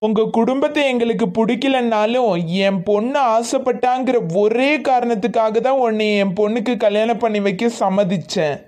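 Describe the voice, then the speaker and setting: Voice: medium pitch, steady tone, moderate pace, a little mellow, close to an everyday voice. A voice actor doing a stern cartoon father. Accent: Kanyakumari Tamil. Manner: stern, commanding. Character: stern father of the bride, proud. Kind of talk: cartoon voice acting.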